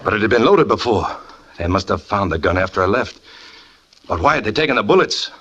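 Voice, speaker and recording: In a 1940s radio drama, an actor plays the narrator and lead, a jealous, tormented young circus catcher telling his own story. His fairly low, slightly bright voice is animated and fairly quick, delivering a brooding first-person confession that rises to anguish. A little hiss or hum is audible.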